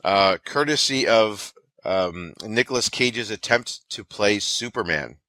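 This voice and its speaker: A man's voice: on the low side, expressive, a little slow, sharp tone, no echo. A man co-hosting a casual movie podcast who jokes around and laughs often. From Canada. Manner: laughs often, joking and chatty. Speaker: podcast co-host.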